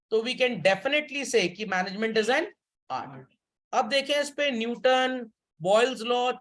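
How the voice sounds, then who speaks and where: A man's voice: high voice, fairly bright tone. A male teacher giving a classroom lecture who repeats key points and keeps checking that students follow.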